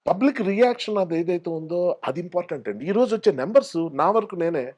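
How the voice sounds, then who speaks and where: Male actor, guest in a casual interview; lively storyteller who acts out the quotes. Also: high voice, brisk, lo-fi sound. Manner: animated storyteller acting out quoted voices.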